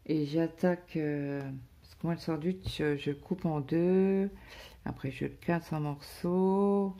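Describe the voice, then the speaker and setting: A woman's voice: low voice, takes it slowly, warm tone. A woman chatting casually to her viewers about her day, rambling, with many fillers and restarts. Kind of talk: casual personal chat to viewers.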